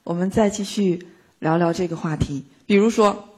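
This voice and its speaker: A woman giving a lively, playful motivational talk to a live audience, acting out little everyday scenes. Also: fairly low pitch, moderate pace, husky. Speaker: speaker teaching a live audience.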